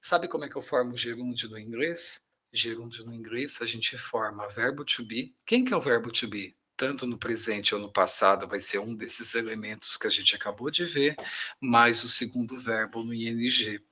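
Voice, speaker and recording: A man teaching English grammar to Portuguese speakers, energetic and emphatic, slowing down to model each English phrase. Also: medium pitch, slightly rough. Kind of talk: grammar lesson explaining on slides.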